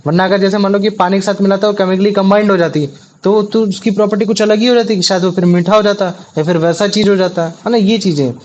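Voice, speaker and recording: A man's voice: sits high, fairly even intonation, fast talker, darkish tone. A man teaching a science class, explaining step by step and often checking with his students. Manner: explains with many tag questions. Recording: dull lo-fi audio.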